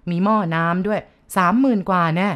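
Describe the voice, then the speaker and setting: A woman's voice: mid-range voice, brisk, lo-fi sound, natural voice. A woman voicing a cheerful young man who brags eagerly about his new motorbike. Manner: eager, bragging. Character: young male motorbike fan, cheerful and boastful.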